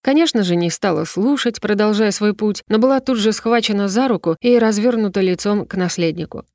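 A young woman narrating a first-person fantasy romance audiobook with an even, steady reading. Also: medium pitch, a little fast, no echo, studio quality.

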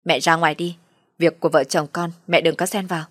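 A woman's voice: lowish voice, brisk, fairly bright tone, no room sound, clean studio sound. Woman doing a firm young husband. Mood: firm, exasperated. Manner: firm, raised voice. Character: young husband defending his wife.

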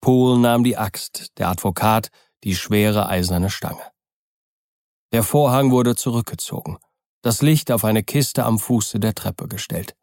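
A man reading a novel aloud as narrator, in a measured, steady way with a gravelly voice. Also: on the low side, no room sound, studio quality. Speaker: audiobook narrator. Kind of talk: scripted narration.

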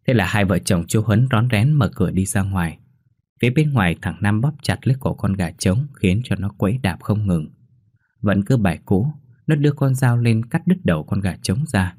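A man reading a horror story in a steady, measured way. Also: low-pitched, no room sound, clean studio sound. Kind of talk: scripted horror narration.

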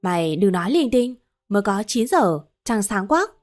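A woman's voice: mid-range voice, big pitch swings, normal speed, a little mellow, faint music behind, close to an everyday voice. A woman voicing Mrs. Giá, a harsh, scolding elderly mother-in-law. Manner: gruff, scolding.

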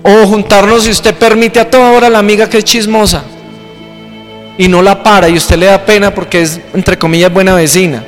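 A man with a high voice preaches a sermon, slipping into little impressions of the people he quotes. His voice carries a long hall reverb, and soft music plays underneath. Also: a little fast. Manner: animated preaching with acted-out quotes. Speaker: pastor.

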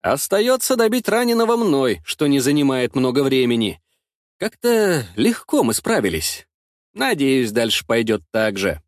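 A man narrating a first-person fantasy audiobook in a lively, wry storytelling manner. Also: mid-range voice, measured pace, no room sound, clean studio sound.

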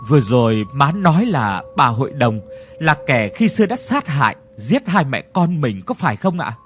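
A man voicing a cold, sharp young daughter speaking firmly in a ghost story. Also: mid-range voice, very animated, normal speed, soft background music, natural voice. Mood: pleading. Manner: cold and firm.

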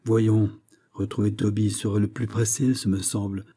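A man reads a classic novel aloud in a deep, dark, somewhat husky voice. He pitches the spoken exchanges higher and louder and lets the narration sink low and quiet. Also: level tone, moderate pace. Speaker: audiobook reader.

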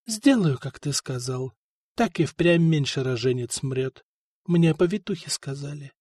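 A man reading the part of a worn-out young princess just after childbirth, speaking softly and plaintively. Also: a little high, expressive, measured pace, no room sound, clean studio sound. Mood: drowsy. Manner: tired, soft and plaintive.

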